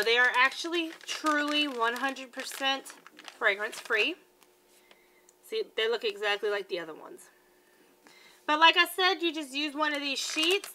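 Her voice sits high and sounds pushed and bright, with a little hiss or hum in the audio. She's a woman in her thirties casually reviewing a product at home, tripping over words now and then. The living room recording comes from a webcam placed close to her.

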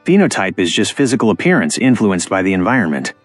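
Male narrator, lowish husky voice, firm instructive read. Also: very animated, no echo. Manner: emphatic, instructive, deliberate. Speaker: farming channel narrator. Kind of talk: scripted voice-over narration. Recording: dry close voice-over with faint music.

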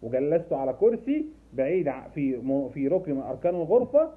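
A man's voice: fairly high pitch, sing-song, fast, husky. A man speaking in an Egyptian Arabic accent, a special education specialist explaining patiently to parents and repeating key points. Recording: tinny phone-like sound.

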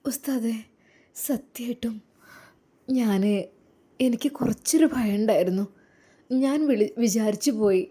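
A woman voicing a lonely, orphaned young bride who speaks in a hesitant, halting, soft way. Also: a little high, husky, pitched above the performer's own voice. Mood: tearful. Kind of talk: audio story drama.

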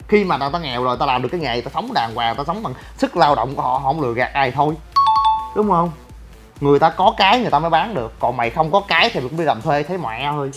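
A man's voice: a little high, fairly bright tone. A young man, talking bluntly and brashly in a rambling livestream monologue. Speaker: gym owner and online personality.

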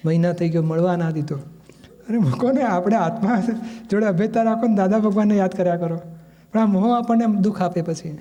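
A Gujarati-accented man gives a spiritual discourse in an easy, conversational way. His voice sits fairly high for a man but sounds warm and mellow. Now and then he acts out family quarrels in quoted voices. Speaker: spiritual teacher.

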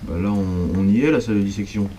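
A man's voice: fairly low pitch, fast. Young guy gaming and freaking out, talks to his viewers, bit of hiss behind him. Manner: excitable, jumpy, talks straight to viewers. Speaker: gaming video creator. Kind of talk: let's play commentary.

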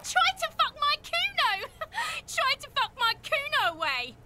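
A menacing game street girl, very high and shrill, noisy audio. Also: sing-song, measured pace, sharp tone, heavily acted. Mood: shrieking. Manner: shrieking, frantic, threatening. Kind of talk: video game voice acting.

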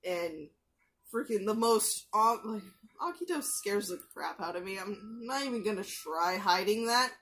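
A young woman who does anime reaction videos rambles casually in a mid-range, fairly bright voice with lively intonation. She's chatty and full of fillers, restarts and quick asides, speaking close to a gaming headset mic in a small bedroom.

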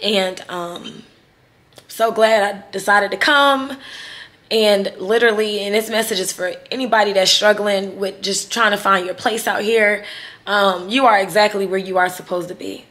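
A woman's voice: mid-range voice, fairly even intonation, moderate pace, fairly bright tone. A woman in her thirties vlogging casually to camera in an emotional, rambling way. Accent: Southern US. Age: 30s. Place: resort room. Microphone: phone or camera held to self.

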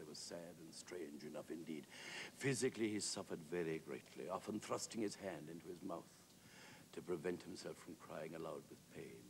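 A male actor narrating a one-man stage show in a dramatic way, swelling out and then dropping to hushed tones. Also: sits low, creaky, slight background noise. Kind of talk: theatrical storytelling.

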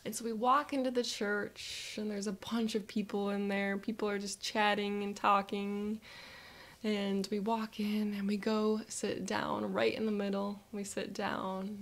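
Woman narrator, guided visualization, flat, fry-heavy delivery, slips into whispers. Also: mid-range voice, normal speed. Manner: soft, reflective, drifting into whispers.

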